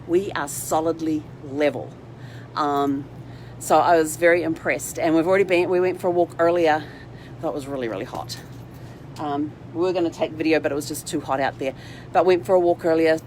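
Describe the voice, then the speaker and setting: Low and a little mellow, this woman's voice carries a faint hiss or hum. She's a vlog host chatting casually from inside a parked RV in a rambling livestream style, tossing asides to her dog.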